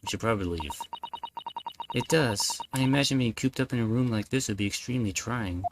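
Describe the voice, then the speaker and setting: A man's voice: mid-range voice, fairly quick, background noise. A man playing a video game, casually commenting and reading its dialogue aloud. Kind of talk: casual let's play with dialogue read-aloud.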